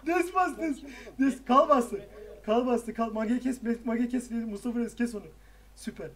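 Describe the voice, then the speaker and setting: A young man with a very high voice calls the shots for his party, hammering the same short orders again and again. He swears freely and keeps cracking up with laughter between commands, talking into a headset. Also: fairly even intonation, a little slow. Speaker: raid commander in an online game. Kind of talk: shouting commands over game voice chat.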